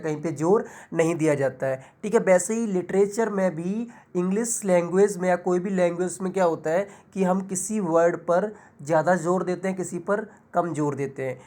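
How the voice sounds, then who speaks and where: Hindi-speaking woman teacher, lowish voice. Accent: Indian English. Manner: explains step by step with rhetorical questions and frequent "ठीक है"; drawls example words slowly to show stress. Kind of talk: English lesson explained in Hindi.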